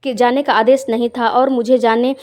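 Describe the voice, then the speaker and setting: Woman, first-person story narration, conversational, emotional, slightly high voice, mellow tone. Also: flat delivery, normal speed. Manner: plain conversational telling with emotional weight.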